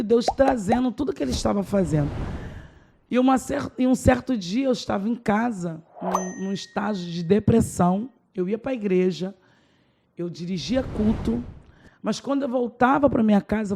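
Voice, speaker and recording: Gravelly Brazilian woman pastor giving testimony. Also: fairly high pitch, slight background noise. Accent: Brazilian Portuguese. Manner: emotional storytelling, acts out dialogue. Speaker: pastor, podcast guest. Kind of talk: personal testimony in a podcast interview.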